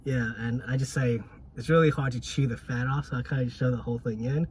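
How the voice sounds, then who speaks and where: A man in casual podcast conversation, chatting between bites of food. His voice sits at an ordinary middle pitch. He rambles and leans heavily on filler words, with a faint ambient hum behind him. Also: steady tone, brisk, darkish tone. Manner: talks while chewing. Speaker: podcast co-host. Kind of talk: casual chat while tasting food.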